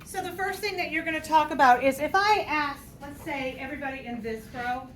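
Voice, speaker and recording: In a noisy, echoing classroom, a math teacher in her fifties keeps things brisk and jokey, talking her students through tally examples and teasing them lightly. She has a high voice, picked up from afar by a room microphone.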